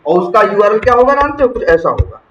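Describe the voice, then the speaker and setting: A man teaching software testing in to a class, asking questions and answering them himself. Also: high voice, very animated, fast, slight background noise. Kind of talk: classroom lecture. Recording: roomy, distant, muffled classroom recording.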